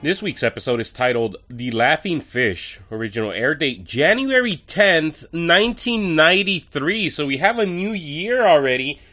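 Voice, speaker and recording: Animated and barely pausing, a male podcast host goes through an episode at normal speed, chatty and enthusiastic with wry asides, as soft music plays behind him. His voice, bright, forceful, and a bit higher than most men's, is slightly nasal and stuffy from a cold.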